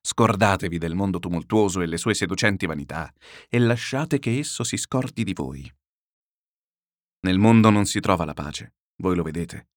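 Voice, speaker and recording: A man voicing a calm, pious older man who admonishes gently, slow and grave. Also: sits low, no room sound, studio quality. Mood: grave gentle. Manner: slow, grave, quietly reproachful.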